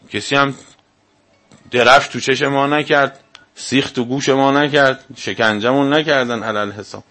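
Male cleric lecturing a congregation; medium pitch, combative, leans on rhetorical questions. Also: fairly bright tone. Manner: argumentative, fires rhetorical questions. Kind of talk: religious lecture to a live audience.

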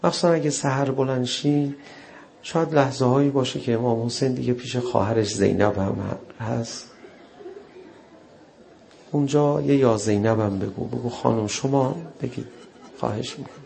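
A man preaching a mourning sermon, telling the story in an impassioned way that swells into loud, tearful cries. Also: mid-range voice, vocal fry. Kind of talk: mourning sermon with recited narrative.

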